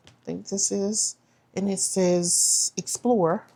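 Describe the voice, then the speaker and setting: A woman's voice: medium pitch, fairly even intonation, slow, gravelly, dark tone. A woman chatting casually as she unboxes a planner subscription box, trailing off and restarting, and saying "y'all". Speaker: planner vlogger.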